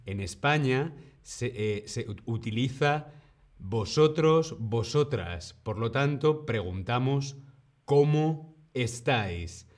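Man, accent from Spain, language teacher, live stream lesson, unhurried delivery, patient, repeats examples. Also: mid-range voice, animated. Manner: enthusiastic greetings, then slow, patient explanation with repeated examples.

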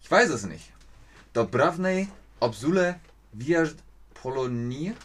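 Young man, casual streamer, thinks out loud, chats with viewers. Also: on the high side, lively intonation, slow. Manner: chatty, thinks aloud, reads viewer chat, stumbles over foreign names. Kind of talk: live-streamed geography game commentary.

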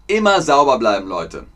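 A man giving a slow, clear German lesson on a live stream, repeating words for learners and chatting with viewers. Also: mid-range voice, a bit bright. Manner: chatty, reads out viewer names from chat. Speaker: German teacher.

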